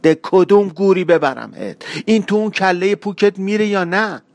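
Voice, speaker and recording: A man reading a story aloud and voicing a hot-tempered young man who scolds harshly in rough street slang. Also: high-pitched, darkish tone, dry recording, voice pushed up. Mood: angry.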